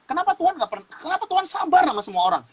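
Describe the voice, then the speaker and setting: A man's voice: extremely high pitch, very animated, rapid-fire, rough recording. A man from Sumatra teaching in a casual talk show, explaining like a preacher, repeating phrases and laughing as he goes. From Sumatra, Indonesia. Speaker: guest youth speaker.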